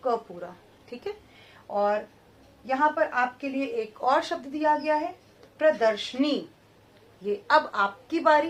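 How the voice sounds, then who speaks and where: A woman teaching a grammar lesson to children in a high, clear voice. She speaks slowly and deliberately, repeating each word and sounding out its syllables one at a time. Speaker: Hindi teacher.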